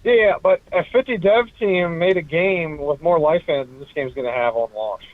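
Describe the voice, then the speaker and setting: A man's voice: a little high, brisk, dry recording. A man calling in from his car over a clipped phone line, chatting casually with strong opinions and plenty of fillers. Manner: opinionated, full of "like" and "you know". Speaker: caller. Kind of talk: casual call-in chat.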